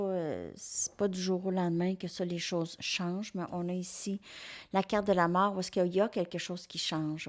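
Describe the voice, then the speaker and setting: A tarot reader with a Québécois French accent does a card reading for viewers, hesitating often and full of fillers and restarts. Her voice is on the low side.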